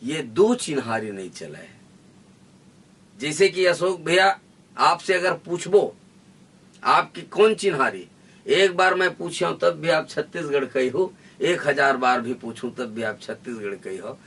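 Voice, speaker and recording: A man with a Chhattisgarhi accent giving a forceful interview answer, declaiming in rallying repeated lines. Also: fairly high pitch, expressive, a little slow, breathy edge, distant mic. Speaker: interviewee, activist leader. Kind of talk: fiery political speech.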